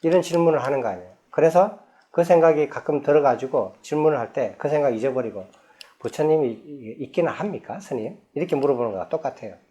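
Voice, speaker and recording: A man's voice: a little high, fast talker, mellow. A man, a Buddhist monk, giving a dharma lecture on a sutra. He reads scripture passages aloud, then explains them in plain, conversational speech, often asking his listeners questions. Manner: conversational, asks the audience rhetorical questions.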